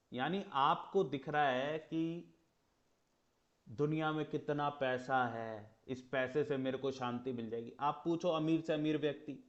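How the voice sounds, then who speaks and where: A man's voice: a little high, highs cut off. A man teaching an astrology class in a conversational way, asking rhetorical questions and acting out little exchanges. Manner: conversational, explains with rhetorical questions and mock dialogue. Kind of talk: lecture in Hindi with English terms.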